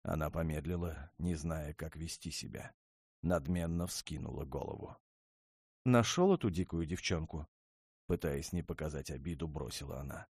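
A man narrating a fantasy audiobook in the first person, steady and even. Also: extremely low pitch, normal speed, creaky, slightly rough, no echo, studio quality.

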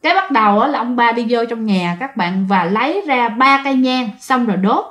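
Chatty Southern Vietnamese woman who tells ghost stories and talks to her listeners; fairly high voice, echoey room. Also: expressive, brisk, a bit bright, faint music behind. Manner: chatty, addresses listeners directly. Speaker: ghost story narrator. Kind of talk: casual spoken storytelling.

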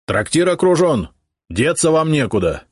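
A man's voice: a little high, very animated, moderate pace, darkish tone, husky, dry recording, clean studio sound, pitched above the performer's own voice. A man voicing an irritated police investigator who barks orders in a raised, stern voice. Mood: commanding.

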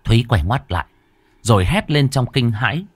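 A man narrating a horror story in a dramatic, expressive reading style. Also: medium pitch, moderate pace, slightly rough, dry recording.

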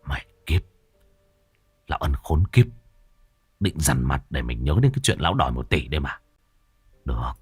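A man's voice: deep voice, big pitch swings, normal speed, long pauses, soft background music. A man voicing a loyal, hot-headed young gang boss in an audio horror story, who hisses in anger and cries out in grief. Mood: seething.

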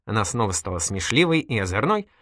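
A man narrating an audiobook in an expressive storytelling manner. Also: fairly low pitch, quick pace, slight background noise. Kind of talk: scripted narration.

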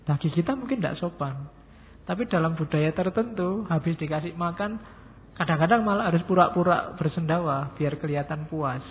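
A middle-aged man, giving a relaxed, joking philosophy lecture to students and slipping in words. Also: on the high side, normal speed. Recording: tinny phone-like sound in a long-reverb hall.

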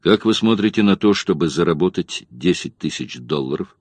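Man doing a dry older spymaster, curt, very deep low voice, dry close sound. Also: animated, moderate pace, darkish tone, husky, dry recording. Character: aging male spymaster, dry and businesslike.

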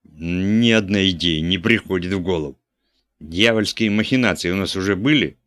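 A man's voice: low-pitched, normal speed, fairly bright tone, no room sound. A man reading an audiobook, voicing a fawning priest-editor who stammers when scolded. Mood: scheming. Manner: obsequious, stammering under pressure. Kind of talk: audiobook character voice.

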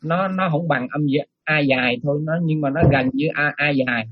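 A man's voice: a little high, brisk, phone-quality sound, noisy background. A man, a monk, patiently teaching Pali pronunciation in an online class and repeating the key sounds.

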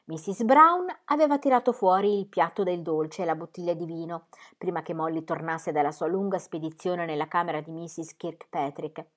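A woman narrating a classic novel as an audiobook reader, measured and softly expressive. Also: lowish voice.

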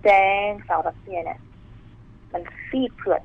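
A woman's voice: on the low side, steady tone, moderate pace, vocal fry, slightly rough, no echo. A woman calling in to tell a ghost story, earnest and polite, narrating in careful detail over the phone. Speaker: caller telling a ghost story. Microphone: telephone. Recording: muffled phone line.

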